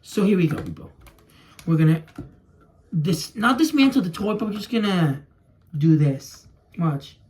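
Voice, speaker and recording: High-voiced with lively intonation, a native Spanish-speaking young adult talks a little slowly, leaving long pauses, in a slightly mellow tone. He creates toy videos and rambles casually while demonstrating to camera in a small home room. Background noise and clicking are clearly heard.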